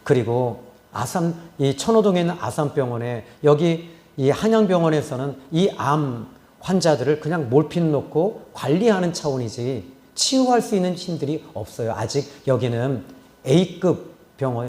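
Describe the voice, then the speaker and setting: Male pastor preaching, middle-aged, voice jumps around a lot, soft mellow tone, drops to whispers when quoting. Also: a little high, expressive, normal speed. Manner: shifts between loud exclamation and hushed whispered quotes. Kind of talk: sermon storytelling.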